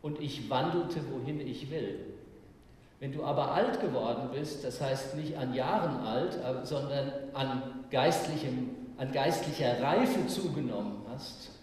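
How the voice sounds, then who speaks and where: A man preaching slowly and earnestly, with a reflective cadence. His voice is picked up from a distance in a large hall, so long echoes trail his words over faint room ambience. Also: mid-range voice, a little mellow. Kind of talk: sermon.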